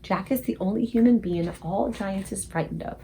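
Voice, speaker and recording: A woman's voice: mid-range voice, normal speed, dark tone, a little hiss or hum, natural voice. A woman voicing a kindly old male giant who whispers in quaint, broken grammar. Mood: hushed.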